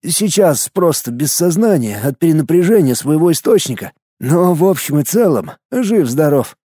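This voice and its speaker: A calm, enigmatic field medic, as a male audiobook reader puts him on, speaking slowly and drawing out each phrase. His tone is dark and mellow, and the recording is dry and close. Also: on the high side, slightly rough, no echo, pitched above the performer's own voice. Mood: detached. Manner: slow, detached, drawn out.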